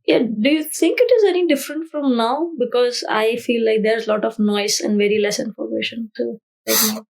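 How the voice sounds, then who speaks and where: Woman hosting a podcast, brightly pitched. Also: normal speed, gravelly, poor audio. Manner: scripted, upbeat introduction, then asks questions. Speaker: podcast host.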